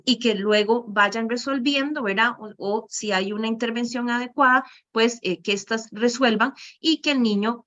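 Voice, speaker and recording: Woman, lecture to professionals, mid-pitched voice, many fillers and "¿verdad?", dull lo-fi audio. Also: a bit bright. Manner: frequent "¿verdad?" tags and fillers. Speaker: lecturer on child behavior. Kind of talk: presentation to professionals. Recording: muffled lo-fi recording.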